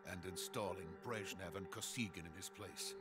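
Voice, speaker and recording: A grave middle-aged Soviet scientist in a video game cutscene, played by a male actor. His voice sits fairly low and he explains things formally and deliberately, with an anxious earnestness. Music plays clearly behind him. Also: natural voice. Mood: grave, urgent.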